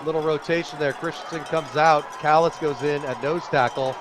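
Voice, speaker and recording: The play-by-play announcer is an American man calling a football game live on radio. His voice sits on the high side, with fairly even intonation and a moderate pace. He's at an outdoor high school stadium, and a loud crowd can be heard behind him.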